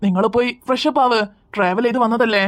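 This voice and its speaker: A woman voicing a kind, patient young man in a cartoon series, speaking gently and persuasively. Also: fairly high pitch, quick pace, close to an everyday voice. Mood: coaxing.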